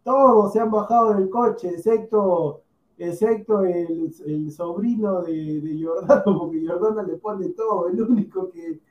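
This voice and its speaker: Guy rambling about football, high voice, dull roomy sound from far off mic. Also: a little slow. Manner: joking, rambling, animated bursts. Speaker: podcast co-host. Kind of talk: casual sports banter. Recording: distant, dull and echoey room mic.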